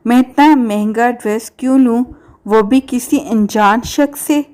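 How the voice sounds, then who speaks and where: A woman's voice: a little high, warm tone, natural voice. Woman voicing a principled young bride. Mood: earnest.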